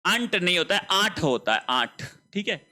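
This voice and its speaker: A man's voice: fairly high pitch, lively intonation, moderate pace, pushed and bright. A man teaching a Hindi spelling lesson for exam preparation, walking through each option step by step and asking rhetorical questions, with a Rajasthani accent.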